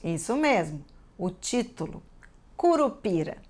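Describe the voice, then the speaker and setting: Teacher lady w/ brazilian accent, talks real slow n clear to kids, keeps asking questions. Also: medium pitch, very animated, a little mellow. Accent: Brazilian Portuguese. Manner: slow, careful, asks the class many questions. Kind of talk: scripted TV lesson for children.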